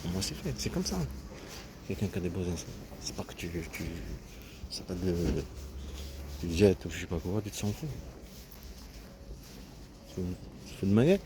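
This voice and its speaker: Agitated man rambling outdoors, deep-ish voice. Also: sing-song, moderate pace, pauses often. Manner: agitated, rambling, many restarts. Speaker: vlogger seeking an internship. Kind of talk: casual vlog monologue. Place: outdoors in the street, looking for shade. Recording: loud outdoor street noise.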